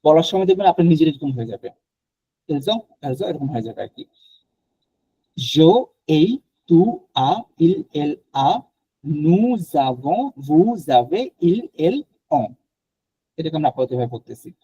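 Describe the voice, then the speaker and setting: A man's voice: a little high, animated, measured pace, long pauses, warm tone, husky, dry recording, muffled recording. A man from Bangladesh teaching a French class online, explaining patiently and mixing in English phrases.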